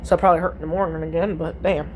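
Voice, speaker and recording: Middle-aged woman, low voice, blunt and foul-mouthed, casual retelling with faint background noise. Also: steady tone, rapid-fire. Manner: chatty, retells conversations with many "I said, she goes"; blunt, swears freely. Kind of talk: casual storytelling.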